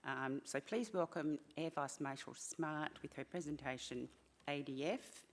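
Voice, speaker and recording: A woman hosting an event, introducing the next speaker in a halting way with frequent asides. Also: low-pitched.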